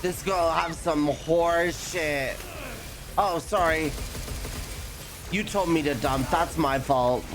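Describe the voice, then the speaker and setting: A woman's voice: low-pitched, slow pace, long pauses. A woman streaming a video game, chatting playfully with her viewers and making goofy sound effects at a desk microphone.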